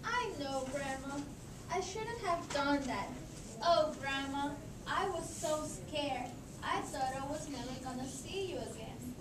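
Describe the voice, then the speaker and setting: A woman's voice: high-pitched, animated, unhurried. A woman voicing a sweet, naive little girl in a children's puppet show. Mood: contrite. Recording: distant, echoey, very noisy room.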